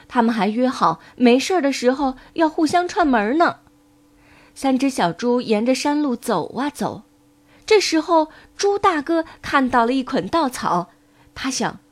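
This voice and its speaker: A woman reading a children's storybook aloud in a gentle, expressive way. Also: on the high side.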